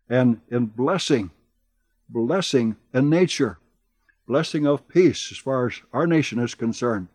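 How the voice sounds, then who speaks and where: A male preacher delivers an earnest, exhorting sermon with slow, weighty pauses. His voice sits at a middle pitch. The sound is dry and close. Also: a little mellow, dry recording. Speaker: pastor. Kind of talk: radio sermon.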